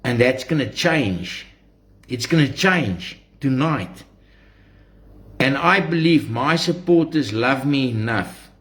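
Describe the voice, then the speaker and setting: Slow-talking South African man addressing followers. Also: medium pitch. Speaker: social media streamer. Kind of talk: live monologue addressed to followers.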